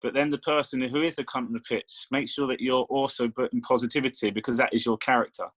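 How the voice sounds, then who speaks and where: A man's voice: medium pitch, steady tone, quick pace, a bit bright, no echo, poor audio. A man, a meditation coach, explaining his ideas persuasively in casual conversation. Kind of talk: casual chat.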